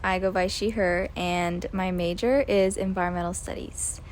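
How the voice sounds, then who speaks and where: A woman's voice: lowish voice, fairly even intonation, moderate pace. A woman in her twenties hosting a college podcast, talking casually with frequent ums as she explains. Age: 20s. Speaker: podcast host.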